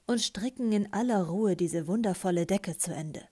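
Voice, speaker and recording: Woman doing a calm, hypnotic young man. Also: lowish voice, normal speed, lightly acted. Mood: soothing. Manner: soothing, hypnotic tone.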